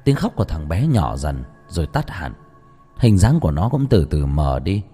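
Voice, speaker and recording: A man narrating a first-person ghost story dramatically, at times shouting in anguish. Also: deep voice, big pitch swings, moderate pace, breathy edge. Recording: reverberant with background music.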